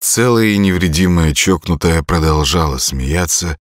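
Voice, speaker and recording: A man narrating a horror audiobook in a measured, steady way. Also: low-pitched, no room sound, clean studio sound. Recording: music bed behind voice.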